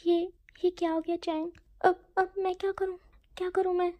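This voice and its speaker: A woman voicing a young man, a quick-tempered but caring partner who stammers and repeats his words. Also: high voice, level tone, dark tone. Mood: panicked.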